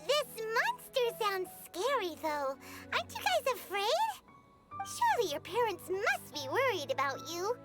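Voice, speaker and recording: Squeaky little fairy sidekick, excitable, swoopy voice, game voice acting, loud music behind. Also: female voice, a little slow, full character voice. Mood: curious. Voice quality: high, squeaky, childlike. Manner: bouncy, exclamatory, speaks of herself in third person. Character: tiny chatty female fairy companion, excitable.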